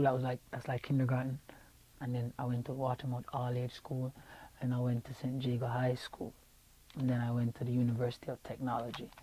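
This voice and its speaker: Interviewed in a radio studio room, a young Jamaican singer keeps things easygoing, peppering his speech with fillers and repeats. He speaks into a lapel mic in a warm, mid-range voice, though the recording quality is low.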